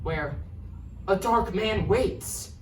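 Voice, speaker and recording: A woman acts out a wheedling merchant showman in an amateur stage monologue. The delivery is slow and dramatic, full of pauses and exclamations. It sounds distant and echoey, recorded outdoors. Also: medium pitch, animated. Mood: mysterious storytelling. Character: male desert merchant, eager, wheedling showman and storyteller. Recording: roomy, distant mic, noisy outdoor ambience.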